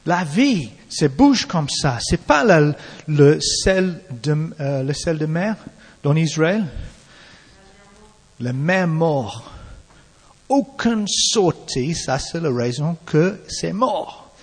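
English-accented preacher in a reverberant hall. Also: male voice, a little high, lively intonation, slightly rough. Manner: halting French with restarts and fillers. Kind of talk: sermon.

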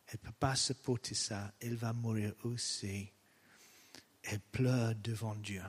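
Slow, husky-voiced male preacher. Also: medium pitch. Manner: slow and halting, searching for words. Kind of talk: sermon.

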